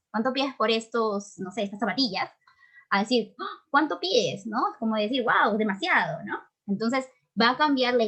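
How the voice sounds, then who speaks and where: A woman with a Peruvian accent teaching an online grammar lesson, explaining patiently and checking in often with quick tag questions. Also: medium pitch, fairly bright tone. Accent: Peruvian Spanish. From Peru.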